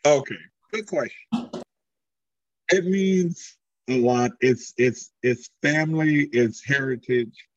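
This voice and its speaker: A man who wrestles in a mask, answering interview questions with frequent halting restarts while searching for words. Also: mid-range voice, no room sound, lo-fi sound. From Greece. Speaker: masked wrestler.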